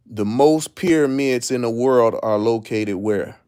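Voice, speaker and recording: A man's voice: mid-range voice, a little slow, darkish tone, clear, resonant tone. Ranting Chicago man on a livestream. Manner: boastful, profane, streetwise ranting. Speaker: livestream host. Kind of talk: casual live commentary.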